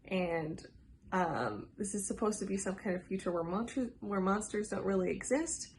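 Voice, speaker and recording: There's slight background noise behind this woman's mid-range voice as she records a casual book tag vlog. She sounds a bit congested and under the weather with a cold, but talks in a chatty, enthusiastic way heavy on filler words.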